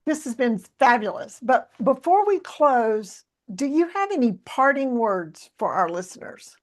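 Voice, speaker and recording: A woman with a voice a little on the high side hosts a conversational interview. She is effusive and affirming as she responds to her guest. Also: big pitch swings, unhurried. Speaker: podcast host.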